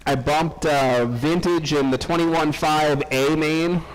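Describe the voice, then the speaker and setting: A man running the race-day announcements at an RC track, calling drivers and lineups in a brisk, chatty way. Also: on the high side, steady tone, rough recording. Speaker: race director. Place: indoor RC raceway.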